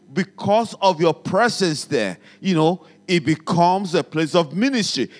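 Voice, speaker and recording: High-voiced Nigerian pastor preaching. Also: male voice. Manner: preaching with call-and-response prompts to the congregation; repeats phrases for emphasis. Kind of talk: sermon.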